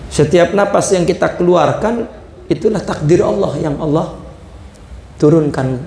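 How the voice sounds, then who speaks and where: An Indonesian-accented man gives a religious lesson, reading out a line of the text and then explaining it plainly. His voice sits fairly high and moves at an unhurried pace. The recording carries the echo of the room. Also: vocal fry, a little mellow, slight background noise.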